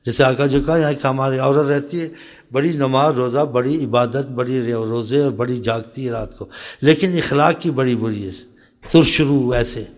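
A man preaching a storytelling sermon who speaks straight to his listeners, asks them rhetorical questions and often drops into soft, quiet asides. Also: mid-range voice. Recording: long hall reverb.

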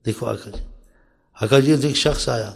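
A man's voice: medium pitch, creaky, breathy edge. Preaching man in a reverberant hall. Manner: addresses listeners directly with rhetorical questions; drops often into soft, quiet asides. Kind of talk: storytelling sermon.

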